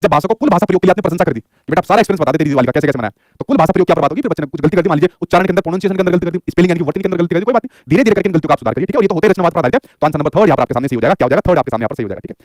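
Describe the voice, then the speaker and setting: A man's voice: a little high, lively intonation, darkish tone, dry recording, clean studio sound. A man teaching an exam-prep lesson, asking questions and answering them himself. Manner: rapid, repeats his own questions back to the viewer.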